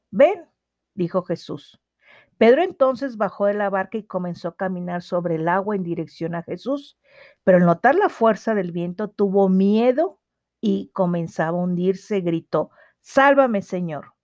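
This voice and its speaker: A woman's voice: medium pitch, no echo, clean studio sound. Earnest woman, devotional podcast. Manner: earnest, asks the listener direct questions; reads scripture aloud at a steady pace. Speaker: podcast host.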